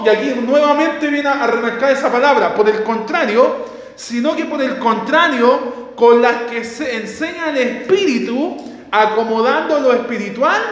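High-voiced preacher in an echoing hall. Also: male voice. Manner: asks the listeners questions and answers them himself; reads scripture aloud and repeats key words. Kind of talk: sermon. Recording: echoey hall with long reverb.

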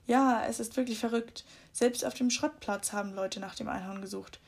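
A friendly grown woman in a storybook, voiced by a woman reader, lively and a little puzzled. She speaks warmly and raises her voice in questions. A gravelly fry runs under it. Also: fairly high pitch, normal speed.

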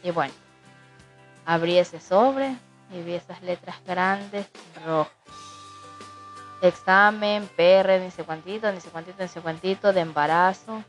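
A young woman telling a personal story in a casual chat, animated and acting out other people's voices. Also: fairly low pitch, a little slow, pauses often, faint music behind. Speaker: co-host telling her story.

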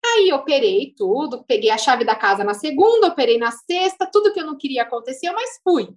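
A woman with a Brazilian Portuguese accent, a speech therapist telling her own story as a guest in a casual interview, chatty and lively, laughing now and then. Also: high voice, fairly quick.

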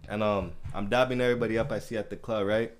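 A man hosting a podcast, chatting casually in heavy slang and telling animated stories. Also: on the low side, fast. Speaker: podcast host. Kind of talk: casual chat.

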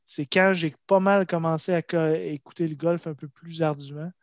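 A man's voice: a little high, steady tone, moderate pace, no echo, clean studio sound. A man with a Québécois accent chatting casually about sports as a podcast co-host.

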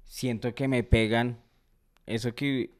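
A man's voice: medium pitch, fairly even intonation, slow pace. A man with a Bogotá Colombian accent telling a story in a casual chat and giving slangy, friendly advice.

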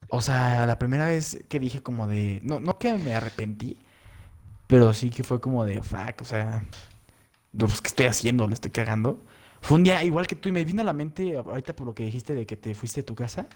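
A man with a Mexican accent telling a story in casual chat, animated and full of slang, acting out voices as he goes. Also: mid-range voice, a little fast. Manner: animated, heavy slang, acts out voices in anecdotes.

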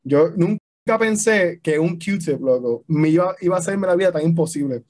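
A young man telling army stories in a casual podcast chat, slangy and animated, mixing Spanish and English. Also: fairly high pitch, normal speed. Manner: animated storyteller, slangy and swearing. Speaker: podcast guest, army veteran.

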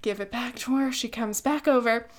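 A woman's voice: fairly high pitch, moderate pace. A young woman hosting her own podcast, telling casual stories with frequent laughs and casual swearing. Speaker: podcast host; barista. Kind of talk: casual solo storytelling. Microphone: camera mic.

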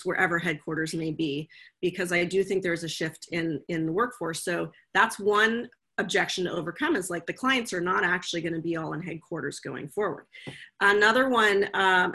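A woman's voice: lowish voice, bright, forceful tone. A woman who leads a legal team at a tech company, speaking thoughtfully on a panel over a video call and often restarting her sentences. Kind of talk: panel discussion.

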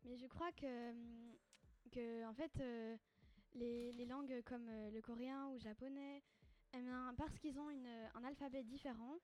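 A woman's voice: a little high, fairly even intonation, a little slow, darkish tone. A young woman talks in a casual class discussion, hesitant and full of fillers.

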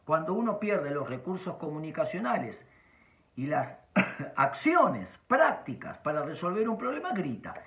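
Speaking in a high-pitched voice, an Argentine man offers advice straight to camera, calm and explanatory with shifting emphasis. The audio is dull and lo-fi.

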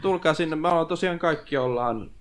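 A man hosting a casual podcast chat, relaxed and a bit hesitant with fillers. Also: fairly high pitch. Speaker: podcast host.

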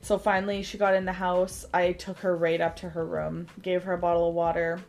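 Talking fairly quickly in a lowish voice, a woman in her thirties who co-hosts a podcast tells a meandering, animated story, peppering it with "like."

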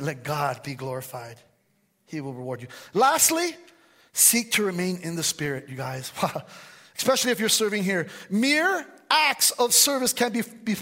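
High-voiced, emphatic young male pastor. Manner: energetic, emphatic exhortation. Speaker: associate pastor. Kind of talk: sermon.

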